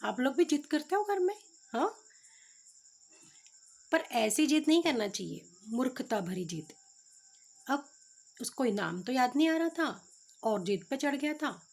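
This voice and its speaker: A woman telling a story to young children, animated and speaking directly to them. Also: a little high, unhurried, creaky, pauses often. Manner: animated, addresses young listeners.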